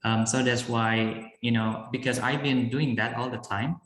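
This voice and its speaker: A guest speaker from Indonesia takes questions during a live online class, recorded in an echoey room. His medium-pitched voice is a bit bright with fairly even intonation. He hesitates a lot, with many fillers and restarts.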